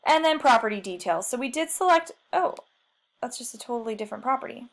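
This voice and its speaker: Chatty woman giving a software walkthrough. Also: a little high, lively intonation, fast, slight background noise. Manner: chatty, self-deprecating, thinking aloud. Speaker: marketing trainer. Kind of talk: screen-share software tutorial.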